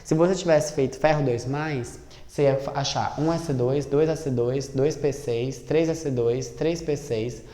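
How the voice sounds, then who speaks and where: A man teaching chemistry, lively, asking and answering his own questions and spelling out each step slowly. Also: mid-range voice. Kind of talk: classroom lesson at a board. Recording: roomy echo with long reverb.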